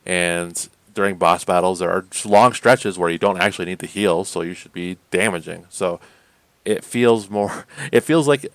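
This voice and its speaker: A man co-hosting a podcast, chatting casually about games in a rambling way, full of fillers and quick laughs. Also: sits low, no echo. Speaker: podcast co-host. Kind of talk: casual gaming chat.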